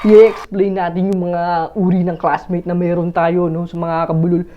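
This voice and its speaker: Rambling vlogger on a muffled earphone mic. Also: male voice, high voice, little pitch movement, moderate pace, mellow, a faint crowd, slight background noise. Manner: rambling, full of fillers and restarts, addresses viewers as pals. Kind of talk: casual chatty vlog.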